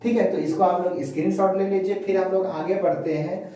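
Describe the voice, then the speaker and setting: Guy teaching grammar online, asks questions then answers himself, high voice, echoey room. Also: fairly even intonation, mellow. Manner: repeats syllables slowly in drills. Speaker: Sanskrit teacher. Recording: very echoey, voice far from mic.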